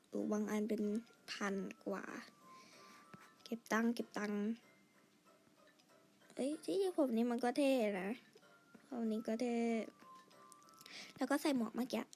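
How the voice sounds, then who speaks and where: A woman chatting quietly through her game, pleading for lucky draws and gushing over outfits. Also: fairly high pitch, unhurried, pauses often, faint music behind. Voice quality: quiet, soft-spoken. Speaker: gamer narrating her play. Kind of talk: casual game commentary.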